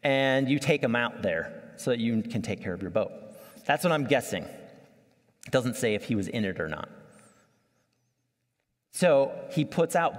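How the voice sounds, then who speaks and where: A man in his thirties preaching a sermon from a church sanctuary, conversational and animated, acting out little scenes as he walks the stage. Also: a little high. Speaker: pastor. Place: church sanctuary, large room. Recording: long church hall reverb.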